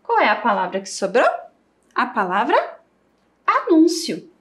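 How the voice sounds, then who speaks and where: A woman with a Brazilian Portuguese accent teaching a televised primary school lesson, sounding out syllables for children. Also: fairly high pitch. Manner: slow, lively, sings out syllables for children.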